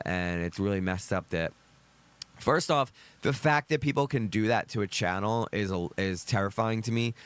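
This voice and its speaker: Male streamer, Northeast US accent, deep and hoarse from a cold, casual. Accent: American Northeast. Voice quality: deep, gravelly. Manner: chatty, greets chat viewers by name. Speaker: livestream host. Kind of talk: casual livestream commentary.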